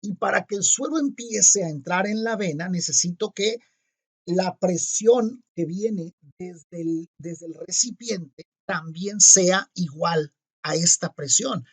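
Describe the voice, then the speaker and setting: A man teaching physics, working through exercises step by step and spelling out each calculation. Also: high-pitched. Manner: deliberate, spells out each calculation and checks itself.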